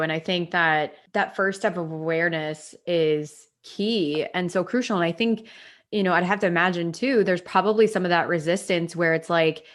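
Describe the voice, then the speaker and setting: A woman hosting a podcast interview in a casual, encouraging way. She often says "like" and gives soft "mm" backchannels. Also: fairly low pitch. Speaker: podcast host.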